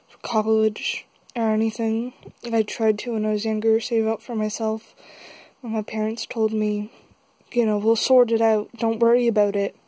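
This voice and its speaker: A young woman talking haltingly in a confessional vlog, upset and tearful, as if she has just been crying. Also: a little high, warm tone, no room sound, rough recording. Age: young adult. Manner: halting, slow, with long pauses. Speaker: vlogger. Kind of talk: confessional vlog, casual talk. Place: small dim room indoors. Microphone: phone held close.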